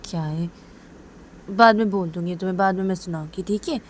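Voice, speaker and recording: A woman's voice: fairly low pitch, a little fast, slight background noise, close to an everyday voice. A woman voicing a weary young woman who curtly brushes off her partner's concern. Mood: impatient. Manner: curt, dismissive.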